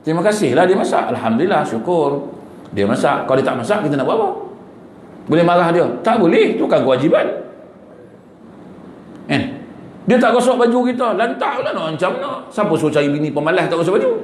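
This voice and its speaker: A man's voice: on the high side, quick pace, long pauses. A man with a Malaysian Malay accent giving a humorous religious talk in a prayer hall, joking and acting out little dialogues. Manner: joking, animated, acts out dialogue. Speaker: preacher. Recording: echoey hall with faint noise.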